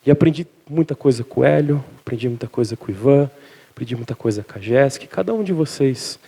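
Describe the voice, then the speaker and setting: A man from Minas Gerais, Brazil, preaches a sermon at a church service, entertaining the congregation with lively stories and jokes. His mid-range voice is husky with vocal fry, and he speaks at a quick pace.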